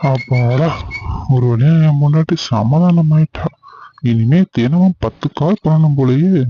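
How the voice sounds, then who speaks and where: A man's voice: on the high side, a little slow, slight background noise, lightly acted. A man playing a coaxing young husband. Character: defensive young husband, later apologetic. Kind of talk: acted phone-call drama. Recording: slightly dull lo-fi sound.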